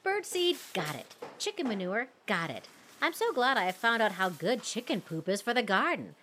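A woman's voice: mid-range voice, very animated, normal speed, fairly bright tone, a little hiss or hum. A woman playing a flustered, easily moved woman gardener who mutters fussy asides in a comic audio play.

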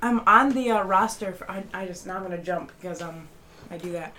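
A woman's voice: on the low side, fairly quick, bright, forceful tone. Rambling woman in her twenties. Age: 20s. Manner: rambling, many fillers and restarts. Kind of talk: casual chat.

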